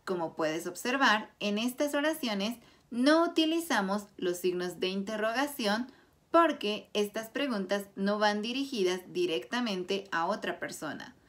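A woman teaching a Spanish grammar lesson, explaining clearly and deliberately through example sentences. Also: mid-range voice, expressive. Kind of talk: slow scripted grammar lesson.

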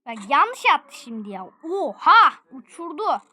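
A woman giving live gameplay commentary, excitable and quick to laugh and shout out exclamations. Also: high voice. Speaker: gaming video creator.

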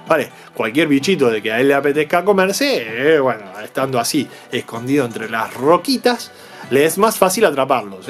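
A man, unboxing toys and patiently explaining them to young viewers, checking in with them all the time. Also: fairly high pitch. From Argentina. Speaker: toy unboxing vlogger.

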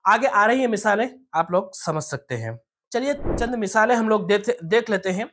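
A patient teacher works through the lesson step by step. The voice sits at an ordinary middle pitch. The teacher often stops to ask questions and draws out letter sounds slowly, syllable by syllable. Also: lively intonation, a bit bright, slight background noise. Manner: patient, explains step by step and asks rhetorical questions. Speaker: Quran recitation teacher. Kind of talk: tajweed lesson.

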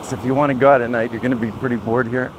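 Racing through his words in a medium-pitched voice, a travel vlogger walks outdoors by a beach and down dirt roads, with background noise around him. He films first-person on a handheld camera, chatting casually, relaxed and rambling, and he catches and corrects himself along the way.

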